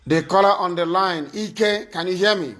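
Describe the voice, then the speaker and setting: Bossy guy running a call-in show, high-ish voice, keeps repeating himself. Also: moderate pace, a bit bright. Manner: commanding, repeats himself, scolds callers. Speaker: live stream host taking calls.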